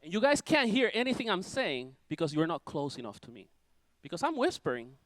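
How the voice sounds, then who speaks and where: Dramatic high-voiced male preacher. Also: big pitch swings, brisk, dry recording. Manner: dramatic, swings from loud declarations to near-whispers. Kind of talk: sermon.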